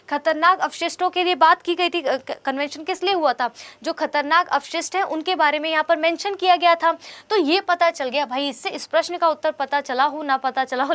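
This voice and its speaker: A woman's voice: sits high, fairly bright tone. A young woman teaching exam answers in a chatty way, asking questions and answering them herself. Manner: conversational, asks questions and answers them, says "bhai" often. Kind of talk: explaining quiz answers.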